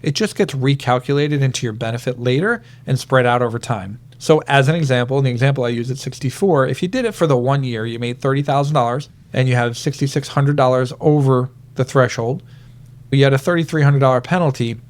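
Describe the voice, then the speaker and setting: A man in the middle pitch range talks through retirement rules on a planning podcast. He is methodical and patient, working through the figures one step at a time. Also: fairly quick. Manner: steady, methodical explaining with worked number examples. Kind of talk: explanatory podcast talk.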